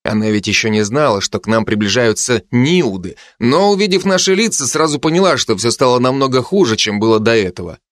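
A man narrating a first-person fantasy audiobook, his voice mid-pitched and steady. He reads in clipped phrases, and the recording is close and dry with no room sound. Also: fairly quick, hardly any pauses, dry recording.

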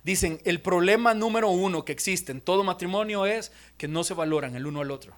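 A young man preaching a sermon as pastor, animated, acting out voices and dropping to near-whispers. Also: high-pitched, a little fast.

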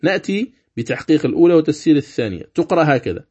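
A male teacher giving a religious lesson on recitation, explaining each rule step by step between slow, drawn-out recited examples. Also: fairly high pitch, lively intonation, darkish tone, breathy edge, lo-fi sound.

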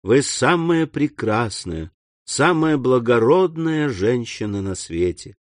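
Reading an audiobook, a man plays a devoted, proud son, an earnest young man addressing his mother with fervor. He speaks slowly at medium pitch with lively intonation, eagerly raising his voice on key words, with no room sound.

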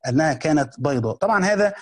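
A man with an Egyptian accent teaches in a quick, somewhat husky voice, pitched a little high for a man. He walks through a classical text in casual spoken Arabic, repeating key phrases and restarting words as he explains. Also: animated. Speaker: teacher of a hadith book. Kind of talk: colloquial lesson commentary.

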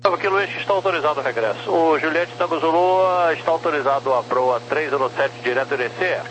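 A man's voice: a little high, fast talker, a bit bright. A Brazilian man working as an approach air traffic controller, giving courteous, informal instructions in radio phraseology over an aviation radio link. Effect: aviation radio transmission. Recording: noisy aviation radio with hum.

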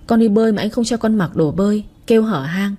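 A sulky young wife, jealous and complaining, read by a woman narrator. The tone is warm and dark with a breathy edge. Audiobook character voice. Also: medium pitch, quick pace, natural voice. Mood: whiny. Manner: pouting, complaining.

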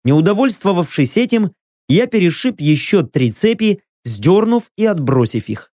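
A woman reading an audiobook with expressive, scripted narration. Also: fairly low pitch, no echo, studio quality. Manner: expressive, slow. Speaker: audiobook reader.

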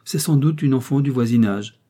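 A man doing a gentle, bewildered young mother. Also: mid-range voice, fairly quick, breathy edge, natural voice. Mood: perplexed.

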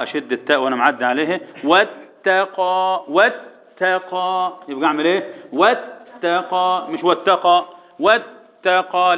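A man with an Egyptian accent teaching Quran recitation to boys, quizzing them and chanting verses slowly for them to repeat. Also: fairly high pitch, dull audio. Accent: Egyptian Arabic. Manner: drills students with questions, chants verses slowly. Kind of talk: tajweed lesson to boys.

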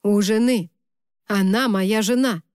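A woman's voice: medium pitch, slow pace, darkish tone, no room sound, studio quality, lightly acted. Woman reading a tense young husband. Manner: tense, pleading. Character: young man, anxious and protective husband.

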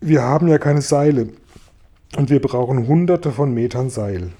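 A man reading a storybook aloud, voicing a calm, earnest young boy in a lifted voice. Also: mid-range voice, normal speed, lightly acted. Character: young boy, quiet and thoughtful. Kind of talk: audiobook reading.

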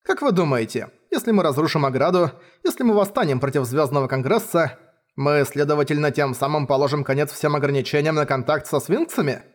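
A man's voice: a little high, fairly quick, lightly acted. A man voicing a grave, indignant older bishop who speaks in a solemn, oratorical way.

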